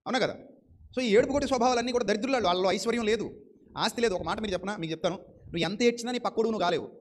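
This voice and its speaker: A man's voice: high-pitched, racing, slight background noise. A man preaching a sermon with fervent repetition and rhetorical questions.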